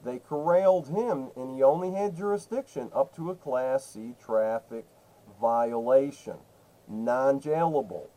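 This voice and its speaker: Phoning a state senator's office, this man presses his complaint with repeated, emphatic accusations and interruptions. He speaks at a measured pace in a mellow, mid-range voice, captured on a rough recording.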